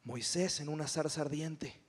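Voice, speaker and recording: High-voiced Mexican pastor preaching. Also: male voice, moderate pace, slightly rough, long reverb tail. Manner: animated, humorous storytelling with dramatic retellings. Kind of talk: sermon. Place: church hall.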